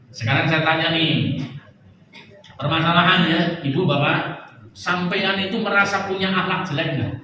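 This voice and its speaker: A man giving an Islamic study sermon to a gathered audience, lively and joking with the listeners. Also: fairly high pitch, far from the mic, slight background noise. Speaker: religious teacher. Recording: echoey hall, speaker off-mic.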